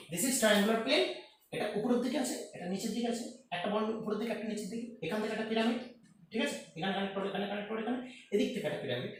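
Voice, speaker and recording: A man teaching chemistry in a lively, repetitive way, often checking whether his students have understood. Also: high-pitched. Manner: lively, repetitive, calls students "beta", checks if it's clear. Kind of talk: whiteboard chemistry lecture. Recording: echoey room, distant mic, faint noise.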